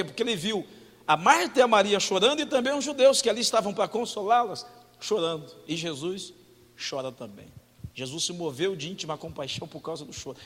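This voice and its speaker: A man preaching a sermon as pastor, animated, swinging from loud to hushed and asking the congregation questions. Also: high-pitched, big-room sound. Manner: talks directly to the congregation with questions.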